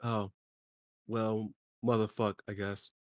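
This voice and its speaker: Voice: mid-range voice, flat delivery, slow pace, no echo, clean studio sound, natural voice. A performer voicing a laid-back, foul-mouthed stoner clown troll with a slack mumble in an amateur comic dub. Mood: laid-back, puzzled. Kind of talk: amateur group dub of a comic chat log.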